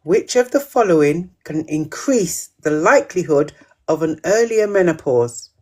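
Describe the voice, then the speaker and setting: Here a woman's low, slightly mellow voice carries lively intonation at a somewhat slow pace. She runs a live menopause quiz, repeating each question and bantering about viewers' comments.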